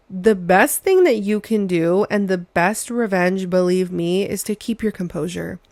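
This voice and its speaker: A woman's voice: medium pitch, no room sound, clean studio sound. A young adult woman hosting a solo podcast, telling a personal story in a chatty, emphatic way, often saying "girl" and "like". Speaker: podcast host.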